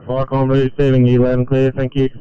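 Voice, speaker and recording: Guy on a crackly fire radio, static bursts, flat steady delivery, tinny and distant. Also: medium pitch, a little fast, clear, resonant tone, dry recording. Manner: brief clipped radio procedure. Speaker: fire crew radio operator. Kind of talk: radio check call.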